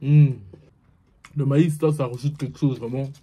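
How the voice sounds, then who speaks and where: A man's voice: mid-range voice, fairly even intonation, a little slow, warm tone, slightly rough. A young man with his mouth partly full, giving a slangy, laid-back food tasting review, repeating himself as he chews. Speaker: food vlogger.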